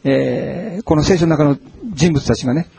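A man's voice: fairly high pitch, moderate pace, gravelly. A male pastor giving a conversational sermon, with many fillers and rising emphasis. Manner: conversational, animated preaching with frequent fillers.

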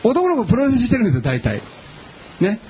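Lively, animated male pastor preaching. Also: very high-pitched, quick pace, slight background noise, rough recording. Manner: chatty and animated, asks the audience questions. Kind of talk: sermon with personal stories.

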